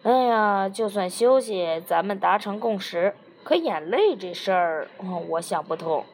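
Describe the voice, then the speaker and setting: A woman's voice: mid-range voice, animated, measured pace, darkish tone. A woman doing a wisecracking cheeky man. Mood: joking. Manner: teasing, folksy and wisecracking. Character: joking, cheeky middle-aged man in therapy. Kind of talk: audiobook character reading.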